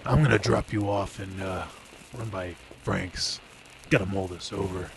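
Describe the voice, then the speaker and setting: An actor playing a weary, guarded police detective who talks tersely and hesitantly in an old-time radio drama. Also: male voice, low-pitched, fairly even intonation, unhurried, creaky, a little hiss or hum. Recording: loud music bed under the voice.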